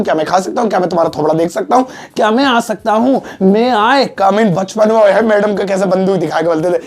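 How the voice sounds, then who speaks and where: A man with a gravelly edge to his fairly high voice leads a classroom-style English lesson. Between explanations he jokes and teases, and he says every example twice, first in Hindi and then in English.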